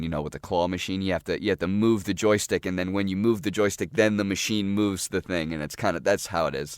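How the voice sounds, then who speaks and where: Low-voiced man explaining gameplay casually. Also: no echo, clean studio sound. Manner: chatty, repeats himself, thinks aloud while playing. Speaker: gaming guide creator.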